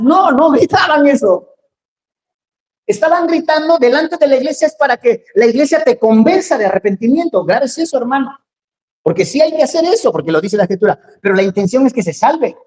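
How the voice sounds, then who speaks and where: A woman preaching a sermon in a lively, joking way, acting out the voices she quotes. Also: high-pitched, fairly quick.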